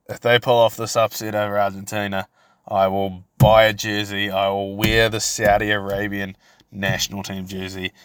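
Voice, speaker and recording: A man's voice: fairly low pitch, a bit bright, clear, resonant tone, no echo, studio quality. A man hosting a solo podcast, ranting casually in a brash, sweary, tongue-in-cheek frat-bro manner. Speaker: podcast host.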